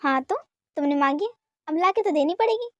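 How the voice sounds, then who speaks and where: An indulgent young husband who stammers and hedges whenever he is pressed, played by a woman in an amateur fan dub. The voice sits very high for a man and is recorded dry and close. He speaks in placating, hesitant phrases. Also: expressive, a little fast, a bit bright, dry recording, lo-fi sound.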